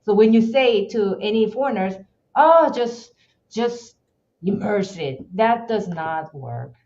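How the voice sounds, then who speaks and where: A woman with a Korean accent appears as a podcast guest in a casual interview, speaking passionately and emphatically while often restarting her sentences. Her medium-pitched voice is expressive, slow, and dark in tone, with the highs cut off.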